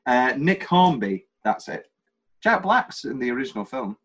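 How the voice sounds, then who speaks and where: A man's voice: medium pitch, big pitch swings, moderate pace, fairly bright tone, low-quality recording. A British man hosting a casual film podcast, rambling and jokey as he runs through favourite scenes. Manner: rambling, jokey, quotes scenes in funny voices. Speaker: podcast host.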